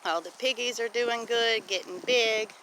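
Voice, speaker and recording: This homestead vlogger, a woman with a Southern US accent, has a slightly high, sharp-toned voice at a moderate pace. She chats folksily on an outdoor walk-and-talk, captured by a camera mic amid breezy wind and background noise.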